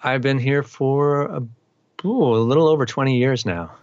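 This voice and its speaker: Speaking at a moderate pace in a clear, resonant, medium-pitched voice, this middle-aged eastern Massachusetts musician rambles easily through a casual interview, leaning on lots of fillers. The recording has no room sound but comes across muffled.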